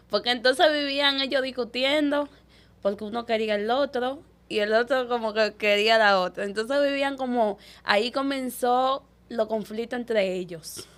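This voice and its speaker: A young woman, telling her life story as an interview guest, quick and animated, acting out the people she quotes. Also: a little high. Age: young adult. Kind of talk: emotional personal storytelling.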